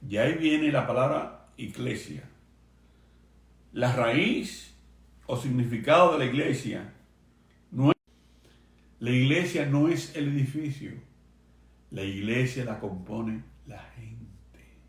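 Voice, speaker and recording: A man pastor preaching a sermon to a remote congregation, earnest and emphatic, slowing down to stress key phrases. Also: mid-range voice, echoey room. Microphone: video stream for a remote congregation.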